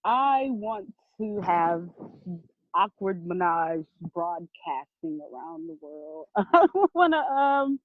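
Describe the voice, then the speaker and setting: A woman's voice: fairly low pitch, sing-song, takes it slowly, dry recording. A woman guest chatting casually about her podcast, laughing often and swearing freely. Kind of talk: casual interview chat. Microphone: video or phone call. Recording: tinny phone-like line.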